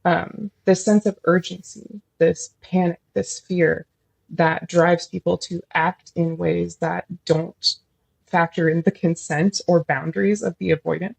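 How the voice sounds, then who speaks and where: A woman's voice: on the low side, vocal fry, a little mellow, slightly rough, no room sound. A woman social worker as a podcast guest, talking thoughtfully and at length with many fillers. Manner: admits feeling nervous while explaining. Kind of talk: casual podcast interview.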